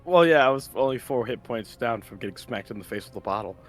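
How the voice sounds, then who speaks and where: A man chats as a player in a tabletop game, his pitch moving in a lively, animated way. He jokes and pokes fun at himself. Faint music sits behind him. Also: quick pace. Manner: joking, self-deprecating. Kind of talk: casual chat in a tabletop game.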